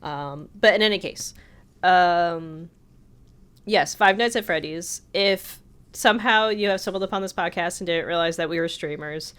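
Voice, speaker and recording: A woman co-hosts a podcast, swapping anecdotes in a loose, chatty way and acting out other people's quotes as she tells her stories. Her voice sits fairly low with a slightly bright, smooth quality, and she speaks at a moderate pace.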